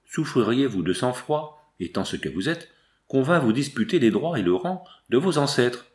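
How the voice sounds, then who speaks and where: A man's voice: medium pitch, big pitch swings, moderate pace, lightly acted. A man reading the lines of a proud, grieving medieval prince in an audiobook, in a declamatory, pleading manner. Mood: proud, indignant.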